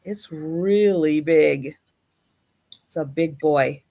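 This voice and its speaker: A woman hosting a live sale as the auctioneer, describing items in an unhurried, chatty, measured way. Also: sits low, vocal fry, dark tone.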